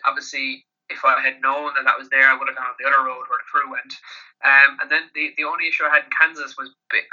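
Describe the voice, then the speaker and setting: A man's voice: medium pitch, bright, forceful tone, highs cut off. A man from Ireland with a Kerry accent, telling stories casually and ramblingly as an interview guest. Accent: Irish, County Kerry. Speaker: interview guest, endurance athlete. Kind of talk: casual anecdotal interview talk.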